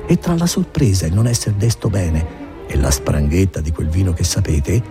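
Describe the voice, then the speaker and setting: A man giving an expressive, theatrical audiobook reading of a classic novel, in a husky voice. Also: mid-range voice. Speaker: narrator.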